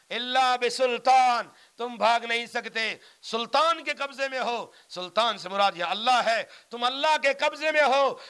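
High bright-voiced male preacher. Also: clear, resonant tone. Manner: recites Arabic verses and explains them in Urdu; emphatic, repeats phrases. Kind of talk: Quran commentary sermon.

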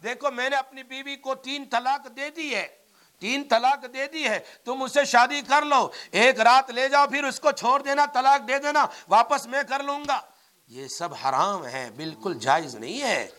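A male Islamic scholar lecturing on religious law, his voice pitched unusually high and ringing bright. He tells cases as little stories and acts out both sides of the talk, suddenly getting louder or softer. Arabic sayings come out slow and weighty. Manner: acts out quoted dialogue in storytelling, with sudden swings in loudness. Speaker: Islamic scholar and madrasa teacher.

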